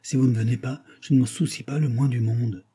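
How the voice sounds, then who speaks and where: A man reading an audiobook and voicing a shy young woman who murmurs softly. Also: medium pitch, fairly even intonation, a little fast, breathy edge, natural voice. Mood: pleading. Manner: soft, murmuring.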